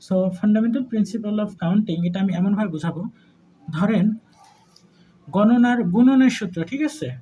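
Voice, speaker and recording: Man, Bangladeshi Bengali accent, math teacher, high voice, faint hum behind. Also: measured pace, long pauses, warm tone, low-quality recording. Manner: conversational, mixes English terms, checks understanding with repeated questions. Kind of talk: explaining a lesson to students.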